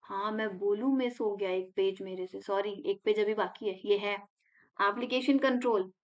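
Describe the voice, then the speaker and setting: A woman's voice: mid-range voice, fairly even intonation, moderate pace. A young woman tutor giving a casual exam revision lesson, chatty, walking through mnemonics step by step with English terms in Indian English. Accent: Indian English words mixed into Hindi.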